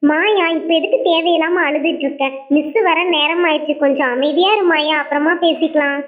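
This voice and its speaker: Lady doing a sensible schoolgirl doll, matter-of-fact and calm, high voice, tinny phone-like sound. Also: a little fast, close to an everyday voice.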